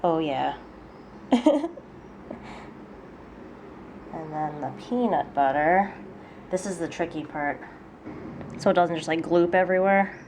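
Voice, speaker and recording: Her voice on the low side, a young woman talks at a slow pace, pausing often, animated yet a little mellow, with a congested, stuffy quality. Slight background noise is audible. She's cheerfully chatting and laughing often while filming a cooking vlog indoors in her small apartment room and kitchen.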